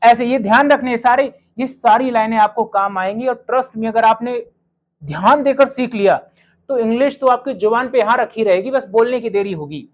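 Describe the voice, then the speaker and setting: A man acting as an English teacher, talking to his students. He says English sample sentences slowly and clearly and keeps asking them questions. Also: very high-pitched, poor audio. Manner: asks students rhetorical questions. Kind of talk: classroom-style spoken English lesson.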